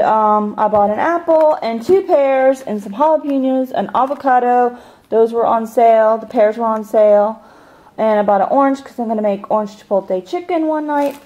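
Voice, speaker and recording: A married adult woman, filming herself at home with a handheld camera, rambles casually through her grocery haul at a table covered in food, dropping plenty of ums. Her voice sits fairly high with a dark tone, her pace is moderate, and the audio sounds dull.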